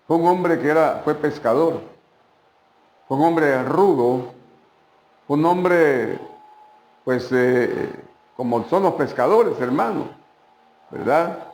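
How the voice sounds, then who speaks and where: A man, a pastor preaching a sermon in an emphatic, repetitive way and speaking directly to his listeners. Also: on the high side. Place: church. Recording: echoey church hall.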